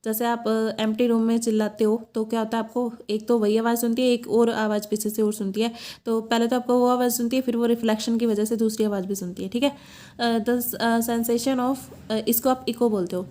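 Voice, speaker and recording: A woman teacher explaining a science lesson in a classroom lecture style. She asks herself questions as she goes and reads definitions slowly. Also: a little high, flat delivery, mellow.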